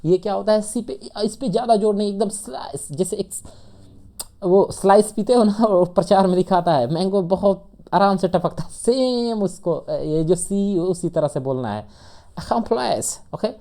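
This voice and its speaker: A woman teaching English vocabulary for exams in Hindi, repeating each word slowly and asking rhetorical questions. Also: mid-range voice, warm tone. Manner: repeats words slowly, drills pronunciation, asks rhetorical questions. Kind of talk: exam vocabulary lesson.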